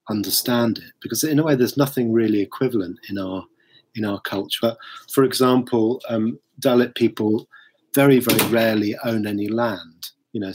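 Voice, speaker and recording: A man's voice: on the low side, darkish tone, breathy edge. A man answering interview questions thoughtfully, hedging with many fillers. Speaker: charity worker guest.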